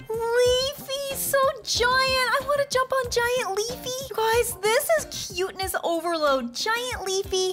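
A woman's voice: very high-pitched, a bit bright. A young woman hosting a kids' gaming video, giving bubbly, exclamatory, sing-song commentary as she plays. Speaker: gaming channel host. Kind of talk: excited kids' gameplay commentary. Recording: music playing behind.

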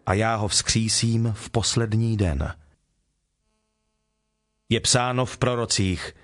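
An actor playing Jesus, a solemn teacher speaking in measured declarations in a dramatized scripture reading. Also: male voice, on the low side, slightly rough, no room sound, clean studio sound. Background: background music.

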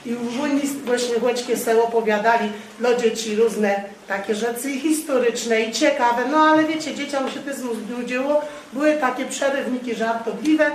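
A woman with a Podhale highland accent reads verse in a measured, rhythmic cadence. Her voice sits a little high. She is picked up from a distance in an echoey hall, with a faint hiss behind her. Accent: Podhale highland Polish. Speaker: reader at a book launch. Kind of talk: dialect poetry reading and chat.

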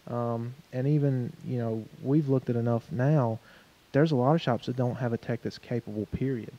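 A man talks on a panel in a dealership showroom, measured and explanatory, repeating words as he thinks. His voice is dark and mellow. The recording sounds a little dull. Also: mid-range voice, fairly even intonation. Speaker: collision repair panelist. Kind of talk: panel discussion. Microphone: handheld mic.

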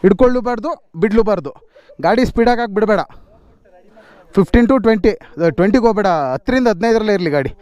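A man vlogging an off-road ride outdoors on a forest dirt trail, calling out repeated quick instructions to fellow riders and laughing often. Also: high-pitched, a little mellow, no room sound, lo-fi sound. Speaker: motovlogger leading an off-road ride. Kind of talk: casual on-the-spot vlog talk.

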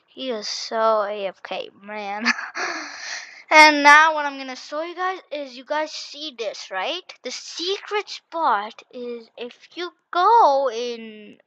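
A young woman commentating a hide-and-seek video game in a frantic, excitable way, repeating herself and dropping to whispers when hiding. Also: sits high, slow pace, no echo, highs cut off. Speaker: gaming channel host.

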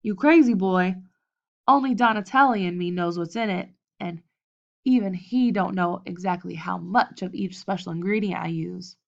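A woman voicing a wiry, toothless old boxing cutman who talks gruff and blunt, in a lo-fi audiobook recording. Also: on the low side, normal speed. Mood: sly. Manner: gruff, blunt, clipped street grammar.

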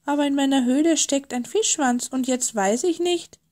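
A woman's voice: on the high side, lively intonation, takes it slowly, a little mellow, no room sound. A woman voicing a timid, worried male octopus who speaks shyly and politely, in a storybook reading. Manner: shy, stammering and polite.

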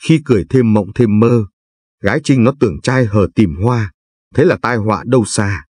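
A man voicing a gentle talking tooth that softly chants advice in verse to an old man, with a husky, low voice. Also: moderate pace, no echo, studio quality. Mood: pleading. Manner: soft sing-song verse chanting.

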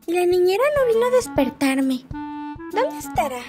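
A woman's voice: very high voice, very animated, moderate pace, music in the background, voice pushed up, full character voice. A woman voicing an earnest, chatty little rich girl with a Mexican accent in a video game role-play, talking in a childlike, rambling way. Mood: sleepy, wondering.

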